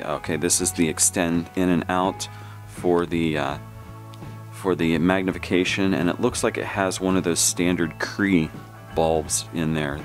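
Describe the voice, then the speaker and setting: A man casually reviewing gear he unboxes at a table, talking in a halting way with many fillers. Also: low-pitched. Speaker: product reviewer. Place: indoors at a table.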